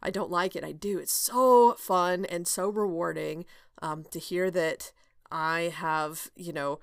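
An OB/GYN hosts her own casual solo podcast, chatting candidly with lots of fillers, restarts and light laughs. Her voice is fairly low, slow and gravelly. The sound is clean studio audio with no room sound.

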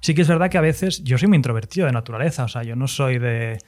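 A man speaking as a podcast guest, reflective and soft-spoken, often restarting his sentences. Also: mid-range voice, expressive, quick pace. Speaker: guest youtuber. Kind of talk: casual podcast chat.

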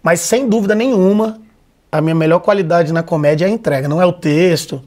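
High-voiced, laid-back comedian man. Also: quick pace. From Vitória, Brazil. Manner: relaxed and laid-back, swears often, slangy. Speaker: stand-up comedian guest. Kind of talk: casual podcast conversation.

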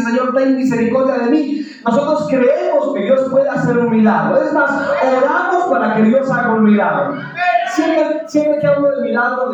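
Male preacher, very high voice, fervent sermon delivery building to near shouts, distant mic in a booming hall. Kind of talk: sermon with a testimony. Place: church. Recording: echoey church hall from far off, dull sound.

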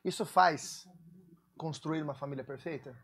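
A man hosts a casual church interview. His voice is bright and forward, and he teases and jokes before moving on to earnest questions. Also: fairly high pitch, normal speed, slightly rough. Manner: playful, teasing, then asks earnest questions.

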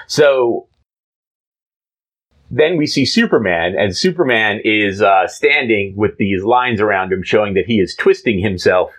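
A man's voice: fairly low pitch, a little slow, poor audio. A man co-hosting a casual chat, describing and reading a comic aloud in a playful way. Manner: playful, jumps into voices, animated. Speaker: podcast co-host.

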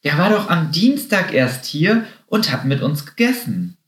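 A man's voice: on the high side, very animated, unhurried, fairly bright tone, voice pushed up. A man voicing a cheeky young male rabbit in a children's story. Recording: roomy echo.

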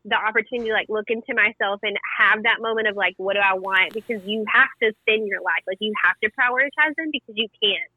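A woman's voice: medium pitch, fast talker, hardly any pauses, no room sound. A woman in her late twenties talking candidly in a casual podcast chat, laughing easily. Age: 20s. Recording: dull, dry, lo-fi sound.

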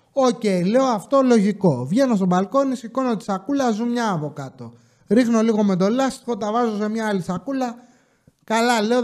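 A man hosting a podcast, telling a funny personal story in a casual, animated way and acting out the dialogue. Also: high voice. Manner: animated, acts out quoted dialogue. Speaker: podcast host.

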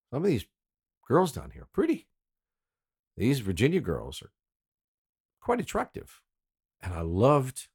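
A man in his sixties from Baltimore, hosting a radio show and rambling fondly through memories, often correcting himself. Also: low-pitched. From Baltimore, United States. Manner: rambling, self-correcting, fond storyteller. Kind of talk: rambling reminiscing monologue.

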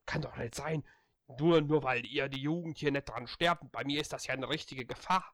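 A grumpy elderly man, fearful and indignant, grumbling in a huffy, complaining way, as a young man acts him out in a story. His voice sits at an ordinary pitch and sounds a little altered from the teller's own. It is recorded dry and close. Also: normal speed, fairly bright tone, dry recording.

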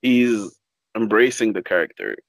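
A man's voice: fairly low pitch, sing-song, unhurried, gravelly, no room sound. A young man, a comic creator, chatting casually on a podcast, easygoing and laughing along. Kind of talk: casual chat.

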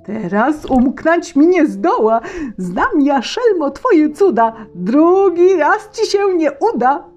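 A woman doing a shrill excitable peasant lad. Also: slow, faint music behind, heavily acted. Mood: excited. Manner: high, excited, exclamatory. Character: foolish young peasant lad, excitable and boastful. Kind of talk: storybook reading in verse.

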